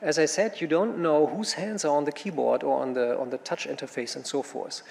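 Male panelist, gravelly, halting and thinking aloud, recorded in a reverberant hall. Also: on the high side, fairly even intonation, a little mellow. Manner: thinking aloud, with many fillers and restarts. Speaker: panel speaker. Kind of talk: panel talk answering questions. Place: conference room. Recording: hall reverb with faint room noise.

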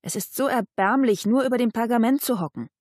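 A woman's voice: a little high, a little fast, a little mellow, dry recording, studio quality, voice pushed up, natural voice. A woman voicing a frustrated young boy squire who longs to fight, speaking in a pleading, indignant way.

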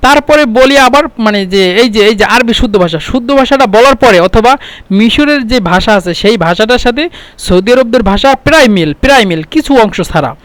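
A man from Bangladesh teaching Arabic in a casual spoken lesson, explaining with restarts and repeated words and slowing down to spell out Arabic words. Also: very high voice, lively intonation, fairly bright tone, smooth, dry recording. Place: home.

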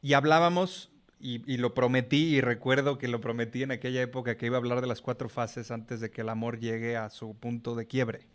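A middle-aged man with a Mexican accent explains himself frankly in a casual podcast chat. His voice sits in a middle pitch, and he swears now and then without any fuss. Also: flat delivery, brisk. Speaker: podcast guest.

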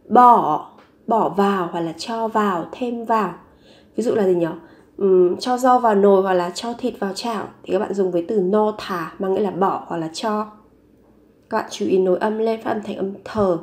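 A woman teaching a vocabulary lesson, saying each word three times slowly before explaining it. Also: medium pitch. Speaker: language teacher.

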